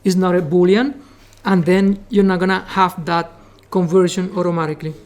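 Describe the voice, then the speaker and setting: A programming instructor, a native Spanish speaker from the Caribbean in Latin America, teaches a live coding class with a Caribbean Spanish accent. He explains step by step, coaxes students along and often says "remember" and "okay", in a steady, slightly mellow, medium-pitched voice at a moderate pace.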